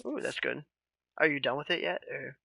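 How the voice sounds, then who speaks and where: Gravelly bright-voiced male streamer. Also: a little high, normal speed. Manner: relaxed, rambling, with many fillers and trailing questions. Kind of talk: casual live-stream chat with viewers.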